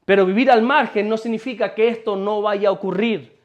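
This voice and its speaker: A pastor preaches in a high, emphatic voice. He fires questions at the congregation and repeats words as he pushes his point. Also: fairly even intonation, brisk. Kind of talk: sermon.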